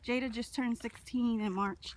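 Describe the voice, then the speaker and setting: Thirties woman, upbeat casual vlogger, phone mic on a woodland walk, soft outdoor noise behind. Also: fairly high pitch, fairly even intonation, moderate pace. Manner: chatty and upbeat, talking straight to viewers. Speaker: vlogger and mother. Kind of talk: casual vlog narration. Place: outdoors on a wooded park trail. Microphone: phone held while walking.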